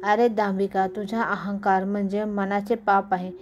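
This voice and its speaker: A woman's voice: mid-range voice, level tone, unhurried, darkish tone, lo-fi sound, close to an everyday voice. A woman voicing a fierce, scornful goddess in a devotional scripture reading, in a noisy home recording. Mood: furious. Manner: scolding, contemptuous.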